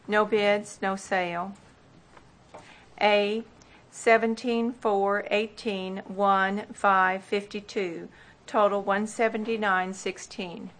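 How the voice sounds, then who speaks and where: A woman's voice: mid-range voice, fairly even intonation, takes it slowly, a bit bright. A woman auctioneer formally reading out parcel numbers and bids at a tax sale in a plain, procedural way.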